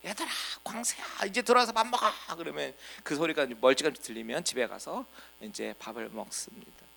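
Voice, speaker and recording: A man's voice: on the high side, gravelly, fairly bright tone. A middle-aged male pastor from Korea preaching a sermon in a folksy storytelling way, acting out little scenes. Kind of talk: expository sermon.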